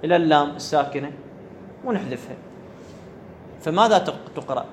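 Man, high voice, grammar lecture, quizzes students, faint background noise. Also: animated, brisk. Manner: asks students questions and repeats key words. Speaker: teacher of Arabic grammar. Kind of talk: classroom lecture.

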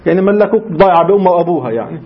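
Man, seminary teacher, brisk, answers his own questions, muffled lo-fi recording. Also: sits high, expressive. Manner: asks rhetorical questions and answers them himself. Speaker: religious teacher. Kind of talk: seminary lecture in colloquial Levantine Arabic.

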